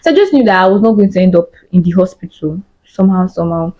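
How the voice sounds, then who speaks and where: A woman's voice: lowish voice, lively intonation, fast talker, warm tone, highs cut off. A Nigerian woman in her twenties telling a personal story in a candid, emotional way, often repeating words for emphasis. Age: 20s. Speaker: podcast guest. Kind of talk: casual storytelling chat.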